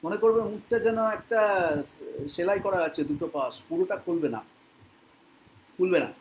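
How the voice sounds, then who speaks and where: A man from Bengal teaching English to learners, speaking patiently and repeating words slowly so they can copy them. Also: sits high, lively intonation, darkish tone, slight background noise, rough recording. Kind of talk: spoken English lesson in Bengali.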